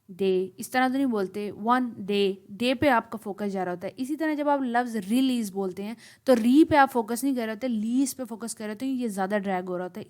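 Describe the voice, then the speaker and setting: A woman lectures on poetry, her voice sitting a little high. She walks through each point step by step. She reads sample lines of verse aloud, pressing hard on the stressed syllables. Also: a little mellow. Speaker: literature teacher.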